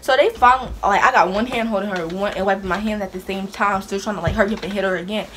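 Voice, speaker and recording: A young woman tells a story straight to the camera, animated and dramatic, with her pitch around the middle for a woman. She keeps it casual and chatty and laughs easily. A steady hiss sits under the recording. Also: fast. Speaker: vlogger.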